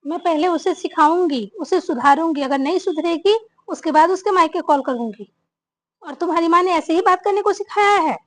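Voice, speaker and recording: A woman's voice: very high voice, normal speed, no echo. A woman acting a stern mother-in-law who scolds her daughters-in-law in a family drama. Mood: scolding. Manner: commanding, scolding.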